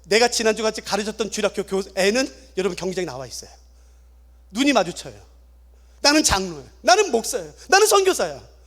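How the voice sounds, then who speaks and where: A man's voice: sits high, big pitch swings, quick pace, a bit bright. A man pastor preaching a dramatic sermon at a prayer meeting, often questioning the congregation.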